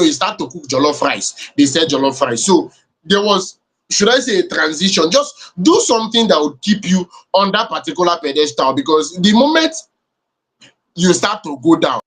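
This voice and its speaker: High-pitched Nigerian man mixing English and Pidgin. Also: big pitch swings, moderate pace, a bit bright, slightly rough. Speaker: co-host of an entertainment talk show. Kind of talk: conversational commentary.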